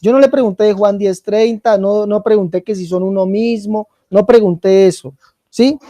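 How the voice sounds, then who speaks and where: A man questioning his opponent in a debate, insistent, slow and deliberate, repeating his questions. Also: high voice, steady tone, mellow, no echo, studio quality. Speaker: apologist in a debate.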